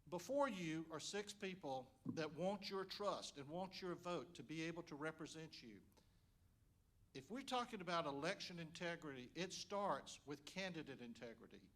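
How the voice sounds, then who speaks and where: A man's voice: on the high side, fairly bright tone. A man, a candidate, giving an earnest speech that urges voters directly at an indoor forum event. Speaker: congressional candidate.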